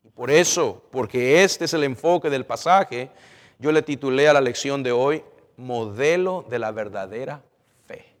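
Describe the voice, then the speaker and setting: Animated male preacher with reverb. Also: measured pace. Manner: animated, swings from loud emphatic to soft and low; asks the congregation questions. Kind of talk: sermon.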